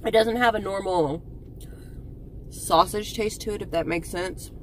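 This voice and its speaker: A woman's voice: mid-range voice, unhurried. Woman, mouth full, chewing, casual food vlog, in a car, road noise behind. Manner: chatty, talking with mouth full. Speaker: food reviewer vlogger. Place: inside a parked car.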